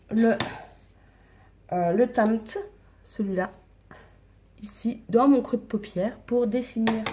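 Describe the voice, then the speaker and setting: A woman's voice: a little high, a little hiss or hum. A woman talking casually through her morning makeup routine on camera, hesitant and full of fillers, sometimes dropping to a whisper, filmed with her phone. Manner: hesitant, many fillers, slips into soft whispers. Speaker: makeup vlogger. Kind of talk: casual makeup tutorial chat.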